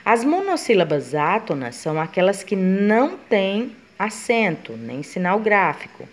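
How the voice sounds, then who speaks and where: A woman's voice: mid-range voice, very animated, a little slow. A woman teacher gives a grammar lesson, explaining step by step and voicing her students' questions.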